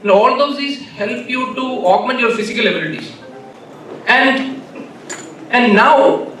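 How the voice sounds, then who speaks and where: Male conference speaker, Malayalam accent, bright high-set voice, halting informal delivery with repeated phrases. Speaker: keynote speaker. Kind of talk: informal conference talk with anecdotes. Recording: echoey hall, distant mic, faint noise.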